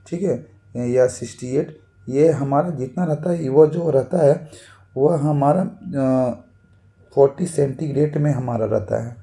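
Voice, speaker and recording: A man's voice: medium pitch, dark tone. A man giving a casual technical lesson, repeating terms and saying "thik hai" after nearly every point. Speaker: technical instructor.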